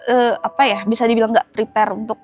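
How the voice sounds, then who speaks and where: A young woman with a Jakarta accent tells her story as a guest in a loose, chatty way. Her voice sits a little high, and she laughs easily and stumbles over fillers. Soft music plays faintly underneath. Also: level tone, fast talker. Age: young adult. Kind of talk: casual storytelling.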